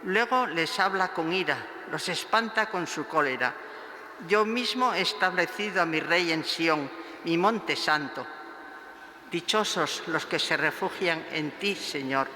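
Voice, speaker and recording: Lector, male, high and bright, slow and solemn; long cathedral echo, faint hiss. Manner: measured, declaiming each phrase. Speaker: lector reading scripture and psalm. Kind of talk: slow solemn liturgical reading. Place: large church. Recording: echoey church with long reverb, faint hiss.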